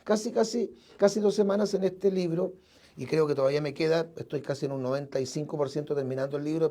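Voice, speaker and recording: A man's voice: medium pitch, dark tone. A man with a Chilean accent, an evangelical pastor speaking earnestly and conversationally to his listeners from a radio studio, often repeating and restarting his words. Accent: Chilean Spanish. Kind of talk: casual live broadcast talk to listeners.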